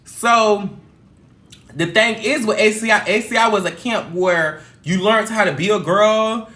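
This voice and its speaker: A woman hosting a casual livestream chat, telling stories in an expressive, animated way. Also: mid-range voice, unhurried, reverberant. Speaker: livestream host.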